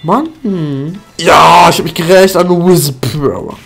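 A man giving live commentary over his own gameplay, excitable and goofy, often breaking into high-pitched yelps and sing-song chants. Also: slow pace, vocal fry, breathy edge, faint music behind. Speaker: gaming commentator.

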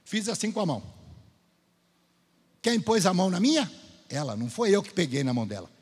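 Lively Brazilian preacher with husky voice. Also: male voice, high-pitched, a little fast. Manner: storytelling, lively, acts out dialogue. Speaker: Gideon speaker at church. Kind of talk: testimony sermon. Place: church sanctuary. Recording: hall reverb in church.

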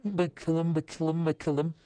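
Low, slow-spoken woman vlogger. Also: flat delivery, dark tone. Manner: chatty, talks to herself while typing messages; sudden high-pitched exclamations. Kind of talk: casual screen-recorded commentary.

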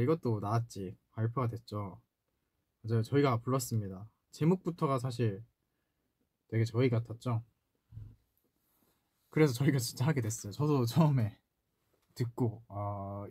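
A twenty-something idol singer talks playfully on a solo livestream, reading fan comments from his desk in a small indoor room. His medium-pitched voice is mellow and husky, captured in a dry recording.

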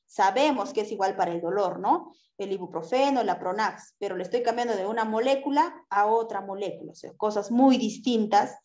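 A woman teaches pharmacy customer service in an animated lecture, often checking in with her listeners. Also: medium pitch, brisk, few pauses. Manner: animated, acts out customer exchanges, tag questions. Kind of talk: lively lecture with acted examples. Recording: echoey room, dull lo-fi sound.

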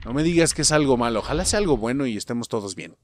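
A young Mexican man giving excited, swearing gameplay commentary and talking straight to his viewers. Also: medium pitch, rapid-fire, slight background noise. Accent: Mexican Spanish. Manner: animated, swears often, keeps addressing viewers as "muchachos". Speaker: gameplay streamer.

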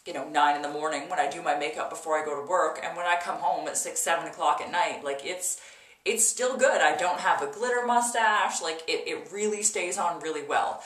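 Woman chatting thru a tutorial, lowish voice, bathroom echo, bit far from the mic. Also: a little fast, fairly bright tone. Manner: emphatic, repeats words for emphasis. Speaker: video host, makeup tutorial presenter. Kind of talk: casual tutorial chat to camera. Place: small indoor bathroom. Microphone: camera mic a little way off. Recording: echoey bathroom, mic at a distance.

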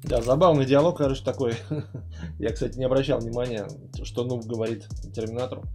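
A man's voice: mid-range voice, steady tone, fairly quick, darkish tone, faint music behind. A man giving casual, rambling gaming commentary as a channel host. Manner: informal, rambling.

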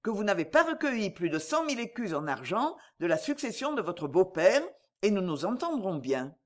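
A woman voicing a cool, calculating male agent in an audiobook, who sounds smooth and reassuring. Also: medium pitch, big pitch swings, moderate pace, close to an everyday voice. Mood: calm scheming. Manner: smooth, reassuring, coolly persuasive.

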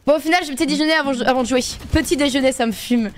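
Young French woman streamer, high voice. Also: racing. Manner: chatty, laughing, reacting to the game. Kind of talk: casual gaming chat with friends.

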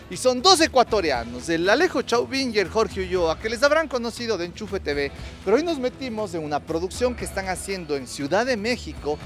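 A man in his thirties with an Ecuadorian accent, hosting an enthusiastic, slangy street interview with a handheld mic outdoors. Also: high-pitched. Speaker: host and interviewer. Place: city street outdoors by film trailers. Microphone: handheld microphone.

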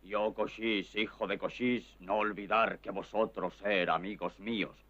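An actor playing a solemn chief's son in a dubbed western farce, speaking broken film-stereotype speech in infinitives. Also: male voice, on the low side, fairly even intonation, unhurried, a bit bright. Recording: dull lo-fi film audio.

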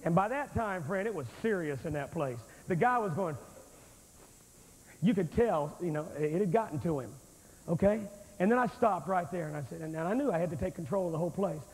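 An evangelist in his forties, his voice sitting high and brisk, preaches a revival sermon from a large church stage with a handheld mic. He tells a story in an animated, confrontational style, captured on old VHS tape with long hall reverb.

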